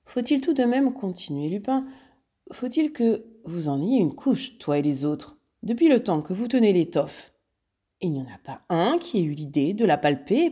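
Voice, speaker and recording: A woman voicing a sly, taunting gentleman thief, a grown man who mocks his rival while she reads a storybook aloud. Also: medium pitch, natural voice. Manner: taunting, teasing, condescending.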